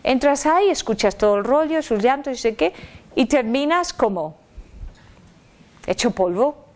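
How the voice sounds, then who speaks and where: A woman giving a live spiritual self-help talk, chatty and lively, checking in with her listeners and throwing in playful sound effects. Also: sits high, unhurried, slight background noise. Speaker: speaker at a personal-growth talk. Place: lecture room with a live audience.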